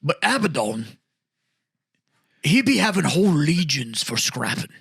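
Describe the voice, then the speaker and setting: A man voicing a proud, quarrelsome male ork warrior who craves worthy foes, rasping and gravelly, mocking and trash-talking in ork slang, in an improvised in-character debate. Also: a little high, sing-song, a little slow, a bit bright, heavily acted. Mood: taunting.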